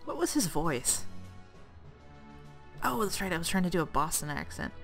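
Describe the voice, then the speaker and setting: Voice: medium pitch, sing-song, normal speed, vocal fry, fairly bright tone, soft background music. A let's play commentator rambling casually about games while playing, with asides to the action. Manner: rambling, chatty, with fillers and asides to the game.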